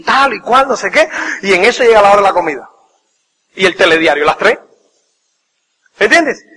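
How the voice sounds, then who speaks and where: A man giving a live motivational seminar talk, emphatic and lively, who keeps checking in with his audience through rhetorical questions. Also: extremely high pitch, creaky. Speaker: motivational speaker. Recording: long hall reverb with faint background noise.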